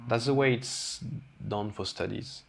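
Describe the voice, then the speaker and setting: A man with a French accent talks as a chef guest on an interview show. He tells his stories candidly and with energy, and he acts out the quoted lines in them. His voice sits at an ordinary male pitch. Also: a little slow, gravelly, a little hiss or hum. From France. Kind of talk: casual storytelling interview.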